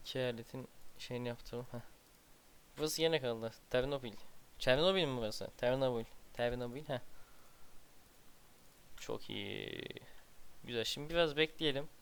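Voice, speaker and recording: A man's voice: mid-range voice, normal speed, creaky, long pauses, slight background noise. A man casually commenting on his strategy game as he plays, muttering to himself and breaking into exasperated outbursts. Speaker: gameplay commentator.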